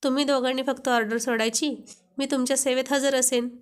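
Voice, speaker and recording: A woman's voice: sits high, little pitch movement, a little fast, lightly acted. A woman voicing a shy young wife who flares up and gets flustered at her husband's teasing. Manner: coy, flustered.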